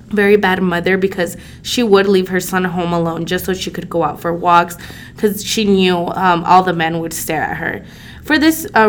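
A young woman from El Salvador, a podcast co-host, telling folk legends in a casual, conversational way with many fillers. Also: fairly low pitch. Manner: conversational, frequent um and you know fillers. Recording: faint background noise.

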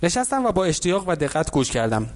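Male narrator for an audiobook, even and reflective, slightly high voice.

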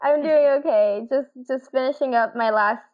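A woman co-hosting a casual podcast chat, gushing and excitable. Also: high voice, normal speed, dull audio. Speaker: podcast co-host. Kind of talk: casual chat among friends.

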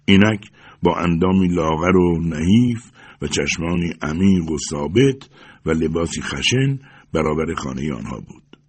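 Brief: male audiobook narrator, low and husky, measured literary delivery. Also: lively intonation, darkish tone.

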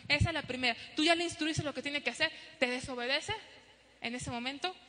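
A middle-aged woman preaches to her congregation in an animated way, slipping into the voices of parents and children. Her voice sits high and bright. It rings with a long reverb, as if she is speaking in a big hall. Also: a little fast. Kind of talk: sermon to a congregation.

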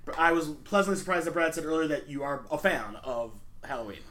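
A man's voice: on the high side, lively intonation, a bit bright. A man hosting a podcast, joking and steering the casual conversation. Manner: quick, joking, steers the talk. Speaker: podcast host. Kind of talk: casual chat.

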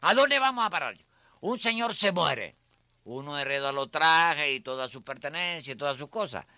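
Guy cheeky joker, rambly, bright smooth voice, dry close sound. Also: on the high side, lively intonation, moderate pace, dry recording, full character voice. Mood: rambling. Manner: joking, rambling, calls everyone chico. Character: cheeky, wisecracking Cuban everyman. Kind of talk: radio comedy acting.

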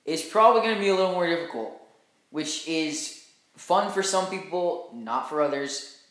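A man's voice: fairly high pitch, moderate pace, a bit bright. Young man gushing about games, echoey room. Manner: enthusiastic, rambling, laughs often. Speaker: podcast co-host. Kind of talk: casual gaming podcast chat.

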